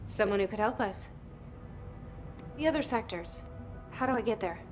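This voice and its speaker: A woman acting a guarded, determined young heroine in a video game, in a low-key, searching manner. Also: expressive, moderate pace, over music, close to an everyday voice.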